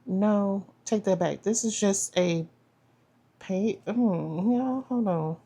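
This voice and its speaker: A woman's voice: mid-range voice, takes it slowly, dark tone, slightly rough. A woman chatting casually as she unboxes a planner subscription box, trailing off and restarting, and saying "y'all". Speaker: planner vlogger.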